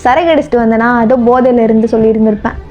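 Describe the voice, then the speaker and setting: A woman acting out a curt, teasing young lover who bosses people around, pitched down from her own high voice into a mid register. The sound is slightly dull lo-fi with faint music underneath. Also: rapid-fire, dark tone, lightly acted. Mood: gruff. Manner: gruff, bossy, teasing. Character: brusque teasing young man, the heroine's lover. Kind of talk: storybook role-play.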